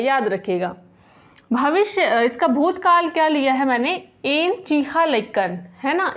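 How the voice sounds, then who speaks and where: A woman teaching a spoken grammar lesson, patiently repeating each example and slowing down on the example phrases. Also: high-pitched, muffled recording. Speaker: language teacher.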